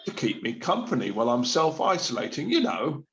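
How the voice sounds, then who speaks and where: This man's mid-range voice has a sing-song lilt and a fairly bright tone, and he speaks briskly. He plays an awkward, sheepish panic-buyer in a supermarket for a radio play, stammering, hesitant and dodging questions. Slight background noise sits under a somewhat dull lo-fi recording.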